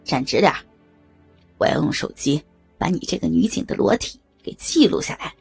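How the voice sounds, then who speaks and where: A woman voicing a menacing, gloating male criminal in an audio story, in a low, hissing, sneering delivery. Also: expressive, moderate pace, darkish tone, faint music behind, heavily acted. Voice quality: gravelly, raspy. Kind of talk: audio drama reading.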